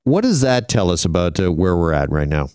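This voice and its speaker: A man hosting a radio interview in a studio, introducing his guest and asking brisk, conversational questions. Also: sits low, sing-song, darkish tone, smooth, no echo. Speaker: radio host. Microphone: studio microphone.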